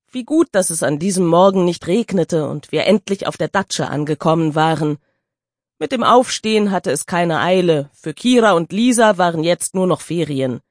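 A woman narrating an audiobook with expressive, lively storytelling. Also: lowish voice, no room sound, clean studio sound.

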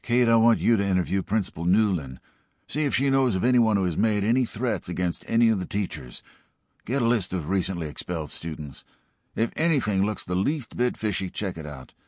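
A man voicing a gruff, weary middle-aged small-town sheriff giving orders. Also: sits low, lively intonation, a little fast, a little mellow, no echo, studio quality. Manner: gruff, commanding.

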